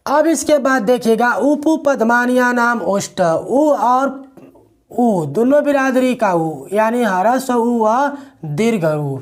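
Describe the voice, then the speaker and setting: A man's voice: extremely high pitch, lively intonation, slow pace. A male teacher, giving a classroom grammar lecture to students. He asks questions and answers them himself, repeating the key words.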